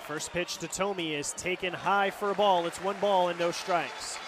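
A loud ballpark crowd and open-air stadium sounds surround this American radio announcer calling a baseball game live. He has a high-pitched voice with fairly even intonation and a normal pace as he describes each play.

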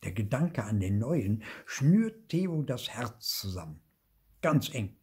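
An older man reading a children's story aloud in a lively, expressive way, with a husky voice. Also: mid-range voice, slow pace. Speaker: storybook reader.

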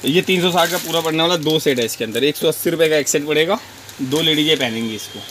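A man, a shopkeeper briskly and matter-of-factly showing goods and quoting prices in a sales pitch. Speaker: wholesale bangle shopkeeper. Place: small indoor shop lined with shelves. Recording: clear ambient noise of a shop.

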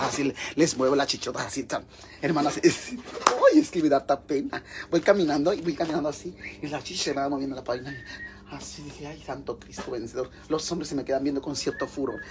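A woman's voice: rumbling low, a little hiss or hum. Bawdy Mexican woman cooking live. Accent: Mexican Spanish. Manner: crude, joking, keeps addressing viewers as sisters. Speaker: live-stream host. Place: home kitchen.

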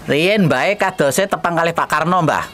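A man's voice: on the high side, normal speed, a bit bright. A man with a Javanese accent acts as interviewer, putting respectful questions and brief acknowledgements. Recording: field recording with faint vehicle noise.

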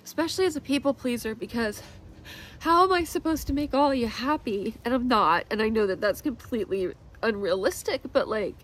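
A woman's voice: on the high side, a little fast, poor audio. A woman in her thirties talking through an emotional personal vlog, rambling and self-deprecating, close to tears. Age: 30s. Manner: rambling, tearful, self-deprecating, with nervous laughs. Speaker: vlogger.

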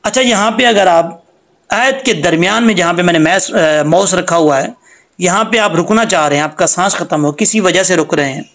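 A man with a high, gravelly voice runs a screen-recorded lesson at his computer, explaining each rule patiently. He repeats the words slowly and stretches the recited phrases out in a chant. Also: fairly bright tone. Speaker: Quran reading teacher.

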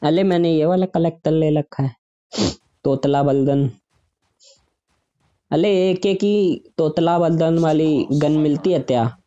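A man's voice: fairly high pitch, takes it slowly, long pauses, dark tone, dull audio. A man putting on a lisping baby-talk voice as a boastful, teasing boy during a game stream. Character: lisping baby-talk boy bragging about his gun.

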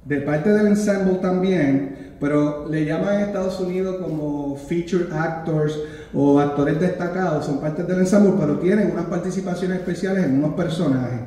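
A Puerto Rican producer casually presents a musical's cast to a live crowd, joking and teasing as he goes and mixing in English words. His fairly high voice is mellow, at a normal speed, in an echoey hall with long reverb.

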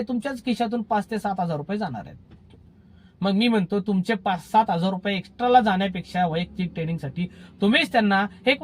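A man, a driving instructor giving casual advice in a vlog, earnest and repetitive as he pleads with his listeners. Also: sits high.

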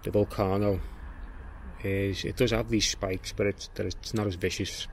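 Low-voiced man touring his garden. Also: level tone, a little hiss or hum. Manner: plain-spoken, unhurried, explains as he walks. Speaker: gardening vlogger. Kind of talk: casual garden tour. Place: outdoors in a walled garden.

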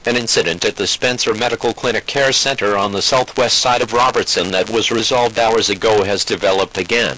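A man's voice that sounds synthetic, like text-to-speech, reads a scripted emergency alert bulletin in a formal, impersonal manner. It is fairly low and even in intonation, a little fast with few pauses, and sharp in tone, and the recording is rough.

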